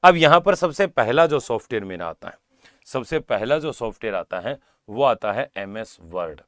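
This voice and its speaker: Dry-voiced computer teacher, repetitive. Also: male voice, medium pitch, animated, moderate pace, a bit bright, no room sound. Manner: repeats key terms, checks in with "ठीक है", calls students "बेटा". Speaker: exam-prep computer teacher. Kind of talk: live online class lecture.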